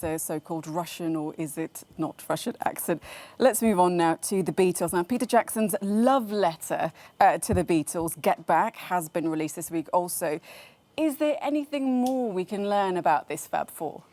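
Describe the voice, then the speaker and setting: A woman news anchor presenting a live news bulletin and interviewing correspondents in a brisk, conversational way. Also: lowish voice, a little mellow.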